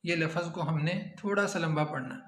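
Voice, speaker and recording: A man teaching Quran recitation, spelling out Arabic words letter by letter and chanting the recited words slowly. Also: on the high side, a bit bright, reverberant. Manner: slow, drawn-out chanting when reciting.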